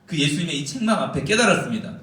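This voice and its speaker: Male pastor, lively sermon, fairly high voice, church hall echo. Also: very fast. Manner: animated, acts out the Bible quotes. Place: church sanctuary. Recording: very echoey hall, mic far off.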